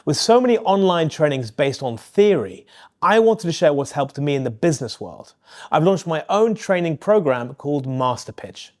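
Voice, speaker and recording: A man's voice: on the high side, big pitch swings, normal speed, a little mellow. A man in his forties hosting a podcast, asking probing questions in a friendly way and reading his own promo. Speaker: podcast host and interviewer. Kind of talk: interview questions and ad read.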